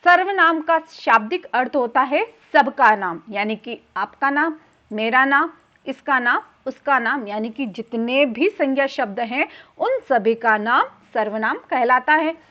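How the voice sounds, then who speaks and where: A woman's voice: sits high, animated, unhurried, dull audio. A woman teaching a grammar lesson for exam students, explaining each point patiently and repeating key terms, with a few filler sounds.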